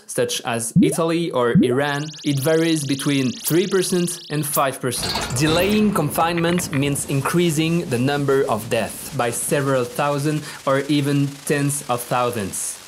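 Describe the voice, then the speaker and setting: A speaker with a French accent, a native French speaker, gives a measured, grave scripted monologue recorded on a phone in an apartment, with low sound quality. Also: noisy background.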